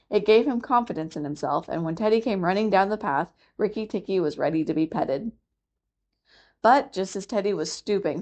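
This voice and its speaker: A woman reading a classic children's book aloud in a calm, even, clear storytelling manner for a library program. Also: on the low side.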